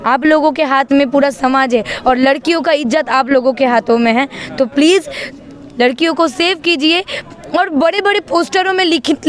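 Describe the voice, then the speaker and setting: A woman's voice: sits high, fairly bright tone. A woman speaking as an interview guest, making an earnest, pleading appeal with hesitant restarts. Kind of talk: casual spoken appeal.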